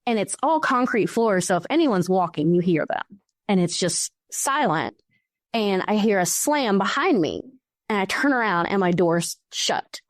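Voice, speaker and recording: A woman tells her own ghost story as a guest, lively and quick to act out the voices of people in it. Her voice is mid-range for a woman. It sits close and dry on a podcast mic. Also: medium pitch, dry recording. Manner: animated storyteller who acts out quoted speech. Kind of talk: recounting a personal ghost story.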